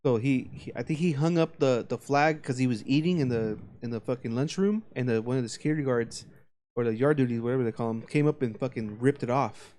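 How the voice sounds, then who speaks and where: A man's voice: medium pitch, a little fast, a little mellow. A man in his thirties co-hosting a casual podcast and telling rambling, profane stories. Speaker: podcast co-host. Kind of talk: casual drunken chat.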